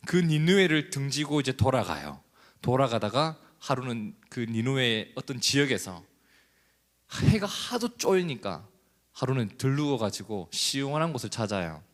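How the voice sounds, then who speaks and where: A male pastor delivering a sermon in a church, animated and asking the congregation questions. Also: mid-range voice, normal speed, in a large hall.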